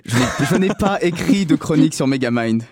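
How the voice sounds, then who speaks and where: A man with a fairly high voice, hamming up a comic film review with mock-tragic flourishes. The sound is close and dry, with no room around it. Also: animated, brisk, darkish tone, dry recording. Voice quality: hammy, mock-dramatic delivery.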